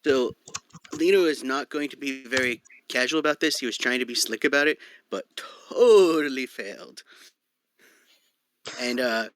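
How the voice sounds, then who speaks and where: A man's voice: mid-range voice, moderate pace, fairly bright tone, dry recording. A man playing a tabletop game, describing his character's actions in a dry, matter-of-fact way. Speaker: player. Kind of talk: casual tabletop game talk.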